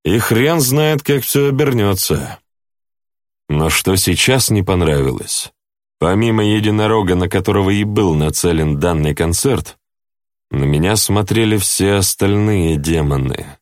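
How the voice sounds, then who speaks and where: A man narrating a story in the first person, in a steady, wry reading voice. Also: low-pitched, a little slow, no room sound, clean studio sound. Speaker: audiobook narrator.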